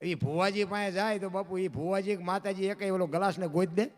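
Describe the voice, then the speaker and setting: Animated man telling a folk tale. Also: high-pitched, fairly quick, soft background music. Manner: animated, rises and falls sharply between lines. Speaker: dayro storyteller. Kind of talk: devotional folk storytelling.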